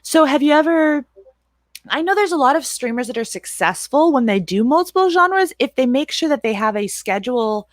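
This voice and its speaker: A woman's voice: high-pitched, lively intonation, moderate pace, dry recording. A woman hosting a casual livestream, loosely asking her chat questions and laughing easily. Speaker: streamer host.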